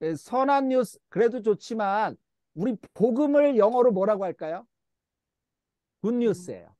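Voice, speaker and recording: A man with a high, animated voice leads a church English Bible lesson, drawing out words and having the class echo them back. His tone is patient and coaxing. The sound is close and dry, with no room echo. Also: moderate pace, lo-fi sound. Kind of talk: church English lesson, call-and-response drills.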